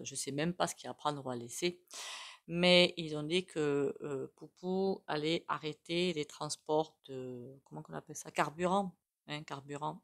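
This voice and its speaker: A woman doing a casual tarot reading, chatty and full of asides to her viewers. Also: deep voice. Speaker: tarot reader.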